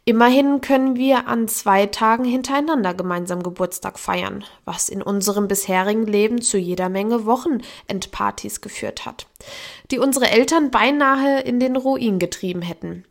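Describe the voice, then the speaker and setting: Woman calmly reading an audiobook. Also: fairly high pitch, moderate pace. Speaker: audiobook narrator. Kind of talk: first-person audiobook narration.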